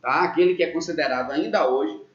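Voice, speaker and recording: A man with a Brazilian accent teaching literature to a pre-university prep class, explaining step by step and tagging his points with quick checks to the students. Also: fairly high pitch. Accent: Brazilian Portuguese. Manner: explains step by step, tags lines with "tá?" and "né?". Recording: roomy, dull lo-fi sound.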